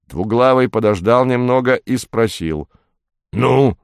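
A man reading a story aloud as narrator in a steady storytelling manner. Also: on the low side, normal speed, no echo, studio quality. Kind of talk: audiobook reading.

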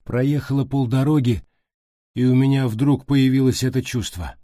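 A man's voice: mid-range voice, steady tone, normal speed, mellow, dry recording, studio quality, voice pushed up, natural voice. A man voicing a capable middle-aged woman whose voice trembles as she speaks. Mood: shaken, urgent. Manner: trembling, urgent.

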